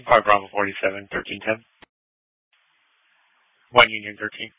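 A man's voice: on the low side, flat delivery, normal speed, dry recording. A man working as a police dispatcher, reading out calls in terse, clipped radio codes over a police radio transmission. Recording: tinny phone-like radio band.

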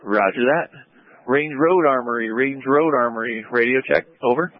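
A man's voice: mid-range voice, normal speed, dry recording. A man works through a list of stations on a two-way radio, calling each for a radio check in short procedural phrases. His voice sits in a middle register. The transmission sounds thin and narrow-band, with no room sound at all. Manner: clipped procedural radio speech. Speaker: radio net controller. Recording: tinny dry radio audio.

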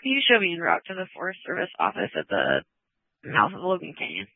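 A police officer's voice crackles through a tinny two-way police radio, high and quick. He runs through clipped call-in procedure with dispatch, his pitch leaping around as he goes. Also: huge pitch swings, dry recording. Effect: police radio transmission.

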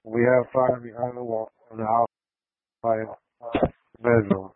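A man's voice: mid-range voice, level tone, a little slow. Firefighter man on a static-burst radio. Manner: terse urgent orders. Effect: radio transmission with static bursts. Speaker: firefighter on scene. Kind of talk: fireground radio report. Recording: tinny radio scanner audio.

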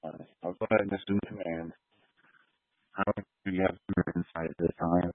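A man's voice: sits low, flat delivery, normal speed, dry recording. A man giving clipped, commanding orders as a fire officer over a two-way radio with static bursts. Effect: two-way radio transmission with static bursts. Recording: tinny dry radio channel.

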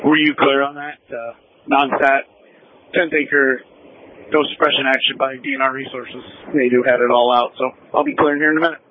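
A man's voice: mid-range voice, fairly even intonation, brisk. A man giving a matter-of-fact status report over a radio channel. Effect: radio transmission. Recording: tinny band-limited radio channel.

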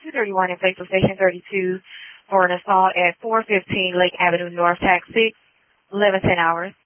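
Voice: medium pitch, steady tone, fairly quick, no echo. An emergency dispatcher calling out units, addresses and times in clipped, routine phrasing over a police radio transmission. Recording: tinny dry radio channel.

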